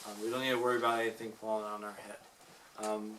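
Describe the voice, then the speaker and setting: Inside a lava tube cave, a man guides a tour, explaining things informally and teacherly, asking the group questions and slipping in jokey asides. His lowish, fairly bright voice is flat in delivery and fast. The distant mic captures cave echo and faint noise.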